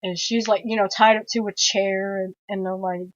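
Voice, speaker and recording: A woman talks through a film review in a loose, rambling way, packing her sentences with "like" and restarts and swearing now and then. Her voice sits at an ordinary middle pitch. The sound is dry and dull, like a lo-fi recording. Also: flat delivery, moderate pace, no room sound. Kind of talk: casual film review retelling a plot.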